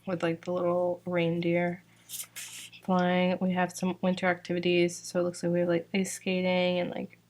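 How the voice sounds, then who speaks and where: A young woman from Georgia who owns a sticker shop chats unhurriedly through her new releases, using plenty of "like" and "um." Her voice is a little low and sounds a bit worn, as if she's been losing it lately.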